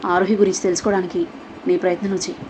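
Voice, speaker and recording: A woman's voice: lowish voice, flat delivery, rapid-fire, noisy background, natural voice. A woman voicing a possessive, hot-tempered young husband in an audio story, speaking in clipped commands. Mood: stern.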